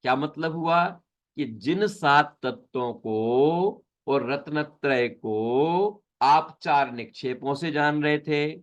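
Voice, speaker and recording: A man's voice: fairly high pitch, slow pace, dull audio. A man teaching an online class on Sanskrit sutras, patiently explaining and repeating each term. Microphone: video call.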